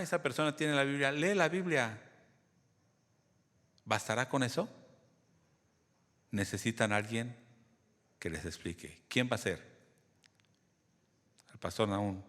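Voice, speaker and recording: A man's voice: on the low side, a bit bright, long reverb tail. A man preaching a sermon, teaching in a conversational way and often asking the congregation questions. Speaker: pastor.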